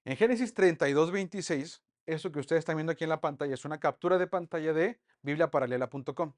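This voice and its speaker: A man teaching an online Bible study lesson, lively and full of rhetorical questions to the group. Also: a little high, quick pace.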